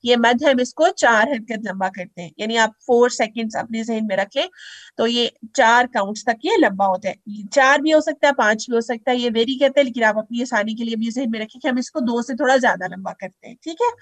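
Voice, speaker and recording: Female recitation tutor, higher voice, dry close sound, patient and methodical. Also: a little fast, no room sound. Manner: patient, drawing out syllables to demonstrate. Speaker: Quran recitation teacher. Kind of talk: step-by-step recitation lesson.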